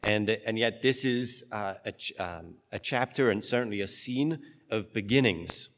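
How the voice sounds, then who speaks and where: A priest with a fairly low male voice reads scripture and then preaches from the pulpit. He speaks conversationally and haltingly, with many restarts. His voice rings out with a long cathedral-like reverb from the large church around him. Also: a bit bright. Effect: long cathedral-like church echo. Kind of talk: gospel reading and homily.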